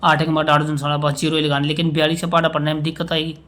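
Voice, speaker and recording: Male maths teacher, patient step-by-step explainer, a touch higher pitched. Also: monotone, very fast, fairly bright tone. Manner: explains step by step, often asks "samajh mein aaya?"; checks in with "theek hai" and recites times tables aloud. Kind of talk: classroom maths lesson.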